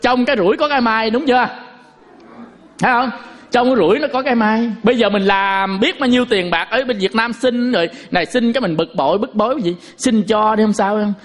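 A man preaches a Buddhist Dharma talk, his voice sitting high for a man. He is folksy and animated and keeps checking in with his listeners through rhetorical questions. Humorous asides lighten the lesson. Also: fairly quick. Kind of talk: Dharma talk to a lay congregation.

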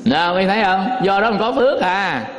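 A Buddhist monk delivers a homely sermon, often turning to his listeners with questions. His voice sits high for a man. The sound rings out with a long reverb, as in a large hall. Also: lively intonation, moderate pace. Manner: folksy storytelling with rhetorical questions to the audience. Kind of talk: dharma talk sermon.

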